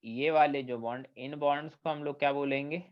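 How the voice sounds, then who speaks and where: A man's voice: a little high, steady tone, brisk. A man teaching chemistry in a classroom lecture, asking students questions and mixing English terms into his Hindi. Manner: asks the class questions and checks understanding often; mixes English technical terms into Hindi speech. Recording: dull lo-fi recording.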